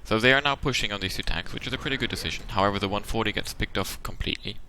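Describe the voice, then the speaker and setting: Speaking very fast in a fairly low, sharp-toned voice, a man hosts his channel and casually breaks down the tactics of a game replay. He thinks aloud and explains the options at length, sounding tired and worn out, with slight background noise in the recording.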